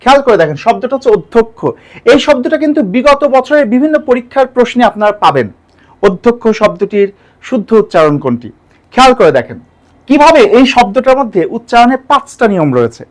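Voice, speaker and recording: A man's voice: extremely high pitch, sing-song, quick pace. A man teaching a pronunciation lesson for exam preparation, explaining patiently, repeating each rule and checking in with his listeners.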